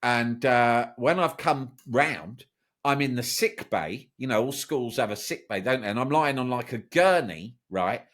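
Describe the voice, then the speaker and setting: A man, a podcast guest, telling a lively personal story in a casual, animated way. He swears freely and often tags his sentences with "right?". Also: medium pitch, a little slow. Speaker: podcast guest, journalist and broadcaster.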